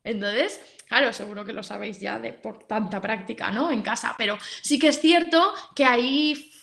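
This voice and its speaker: A woman's voice: fairly high pitch, moderate pace, gravelly, fairly bright tone. A woman with a Spain Spanish accent hosting a live session on children's eating, explaining in a chatty way and reading out chat comments. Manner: chatty, explanatory, many fillers and rhetorical questions.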